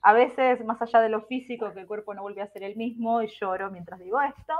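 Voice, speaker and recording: A woman host, talking casually in an expressive, chatty way. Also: fairly high pitch, fairly quick, muffled recording. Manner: chatty, expressive, laughs easily. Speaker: podcast host. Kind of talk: casual conversation.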